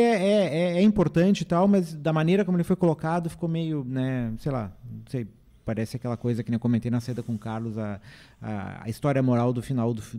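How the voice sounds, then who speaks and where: A man giving a relaxed, hesitant film review in casual chat. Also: mid-range voice, vocal fry. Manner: easygoing, hesitant, many fillers. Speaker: film critic.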